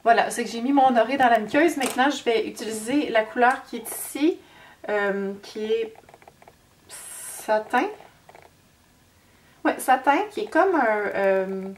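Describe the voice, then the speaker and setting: Here the Québécois-accented beauty vlogger, nursing a cold, talks slowly with long pauses, her voice a little high. Her makeup tutorial is chatty yet hesitant, peppered with fillers and slips. It's picked up by a far-off mic with faint background noise.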